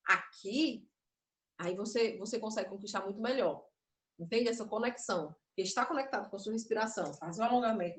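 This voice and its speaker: A woman teaching a puppetry class online, explaining and demonstrating, a little nervous. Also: a little high. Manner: explanatory, demonstrative, self-interrupting. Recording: echoey room, voice from afar.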